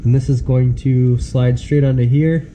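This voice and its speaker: A man's voice: medium pitch, fairly even intonation, a little slow, noisy background. A sick man with a nasal, stuffy voice hosts a casual car-build vlog from his home workshop shed and explains each step as he works. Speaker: host.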